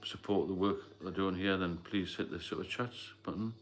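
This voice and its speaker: A man's voice: deep voice, fairly even intonation, normal speed. A man hosting a casual livestream, plain-spoken and rambling, answering viewer comments as he goes. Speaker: livestream host. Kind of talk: casual live-stream chat.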